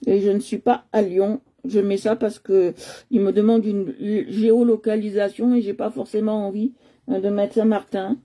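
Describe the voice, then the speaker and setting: A woman from Nice, France, hosts a live coloring stream from her home computer, chatting casually with many hesitations and fillers. Her mid-range voice is dark in tone, steady, and moderately paced.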